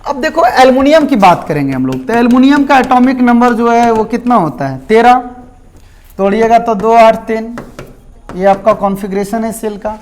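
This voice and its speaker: A man's voice: very high voice, animated, normal speed, darkish tone. A male chemistry teacher with a Jharkhand Hindi accent, giving a classroom lecture and often checking in with his students and answering his own questions.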